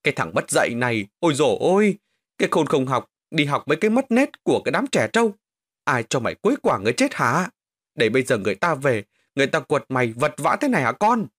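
A man's voice: medium pitch, sing-song, normal speed, fairly bright tone, husky, no room sound, studio quality. A man voicing a middle-aged mother who scolds her son shrilly. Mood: scolding.

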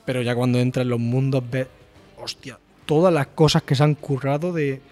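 A man from Murcia, Spain, hosting a podcast and telling stories about a video game in an animated, swear-heavy casual chat. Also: mid-range voice, normal speed, faint music behind. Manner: animated storyteller, swears freely. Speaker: podcast host.

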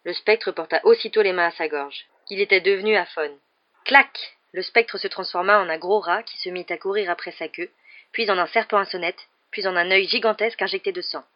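Woman reading a book out loud, lowish voice, steady, kinda muffled lo-fi. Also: fairly quick. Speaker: audiobook reader. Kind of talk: reading a novel aloud. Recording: muffled lo-fi recording.

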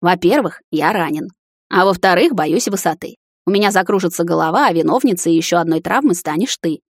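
A woman's voice: fairly low pitch, expressive, a little fast, no room sound, studio quality. A woman voicing a stern young male captain and hunter who scolds and coaxes his fiancée, in a storybook reading. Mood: coaxing. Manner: scolding then softly coaxing.

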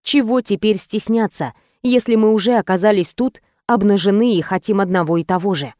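A woman's voice: medium pitch, a little fast, darkish tone, no room sound. A woman narrating a first-person audiobook in an intimate, emotional storytelling manner, recorded close to the mic.

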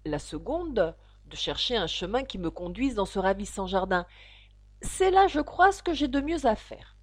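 A woman's voice: medium pitch, big pitch swings, moderate pace, no echo. A woman voicing a clever, determined young girl talking things through to herself in a storybook reading. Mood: musing.

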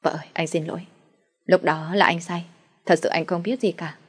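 A woman's voice: lowish voice, steady tone, normal speed, slightly rough. A woman voicing a remorseful young husband who begs his wife's forgiveness. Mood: pleading. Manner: pleading.

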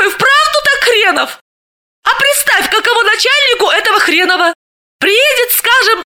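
A woman voicing a loud, bawdy woman friend in an audiobook, squealing, shouting and laughing through the lines. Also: very high-pitched, voice pushed up, heavily acted. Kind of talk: audiobook character voice.

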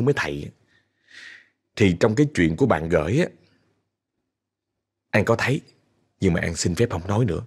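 Man, Southern Vietnamese accent, ghost-story narrator, chatty, raspy, very expressive pitch. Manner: chatty, addresses listeners directly.

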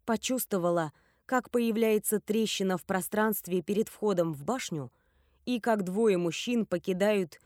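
Woman audiobook narrator, steady first-person fantasy read, dry close studio sound. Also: medium pitch, unhurried, dry recording. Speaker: audiobook reader.

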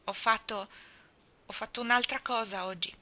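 A woman's voice: fairly high pitch, steady tone, moderate pace, pushed and bright, voice pushed up. A woman voicing a mischievous little boy who talks in an eager, cheeky way in a storybook reading. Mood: sheepish.

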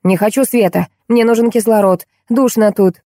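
A woman reading an audiobook voices a rude, boorish rich man who shouts and insults. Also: on the high side, steady tone, normal speed, no room sound, clean studio sound, voice pushed up, close to an everyday voice. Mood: rude, demanding.

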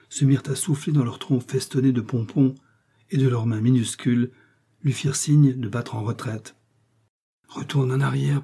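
A man reading a classic tale aloud as an audiobook narrator, calm and measured. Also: medium pitch, breathy edge.

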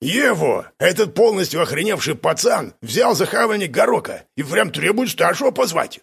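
A short, cheeky crossbowman jeers in coarse slang with a husky, gravelly voice. A man puts him on for an audiobook. His pitch leaps mockingly. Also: big pitch swings, moderate pace, a bit bright, exaggerated voice. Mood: jeering. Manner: jeering, slangy. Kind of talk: audiobook character voice.

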